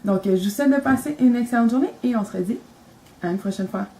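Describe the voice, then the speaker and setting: A woman's voice: fairly high pitch, quick pace, mellow, low-quality recording. A young woman with a Quebec French accent, talking casually and enthusiastically about her makeup, rambling with lots of fillers. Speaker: beauty vlogger.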